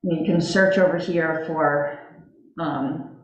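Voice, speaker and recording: In an echoey meeting room, a woman with a low voice and fairly even intonation explains things slowly, one step at a time, using lots of fillers. She's a commission member in a casual town meeting, and the audio is dull.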